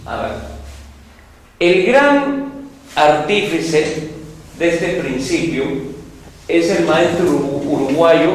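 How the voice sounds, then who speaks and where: A man from Peru teaching a law class, emphatic and animated, often checking that students follow. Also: mid-range voice. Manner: emphatic, animated, asks listeners if they follow. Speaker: law lecturer. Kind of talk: classroom lecture. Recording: very echoey classroom, voice far from mic, faint noise.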